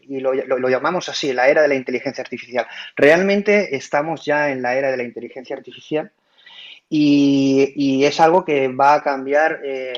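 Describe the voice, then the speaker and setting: Male host from Spain, mid-pitched, casual and hesitant, muffled app audio. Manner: hesitant, many fillers and restarts. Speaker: host of an online audio room. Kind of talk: casual explanatory talk.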